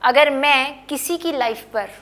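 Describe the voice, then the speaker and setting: A woman's voice: sits high, slow pace, fairly bright tone. Patient woman teaching English pronunciation. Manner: patient, explains words by writing and repeating them, with frequent "okay". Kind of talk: spoken English lesson, Hindi-English mix.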